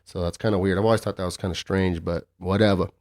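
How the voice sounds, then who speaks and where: Male podcast host, lowish voice, profane and sarcastic, loose rambling monologue. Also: fairly even intonation, fast, a little mellow. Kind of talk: casual solo podcast monologue.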